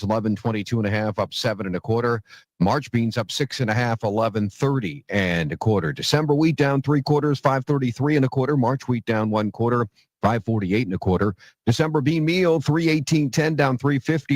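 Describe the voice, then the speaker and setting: A man's voice: mid-range voice, no room sound. A man reading stock prices as a radio market reporter, in a scripted farm commodity report with clipped listing of figures.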